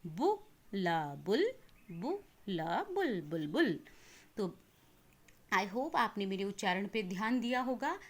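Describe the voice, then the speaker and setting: A woman teacher with an Indian accent giving an online lesson to young children, reading words slowly syllable by syllable and mixing in English words. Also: medium pitch, lively intonation, a bit bright. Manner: slow, exaggerated syllable-by-syllable reading aloud.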